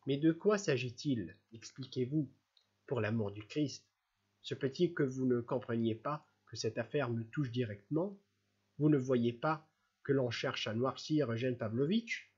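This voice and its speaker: A man's voice: medium pitch, unhurried, darkish tone, slightly rough, highs cut off. A man reading the part of an earnest, upright young prince who questions others in a reproachful, insistent way.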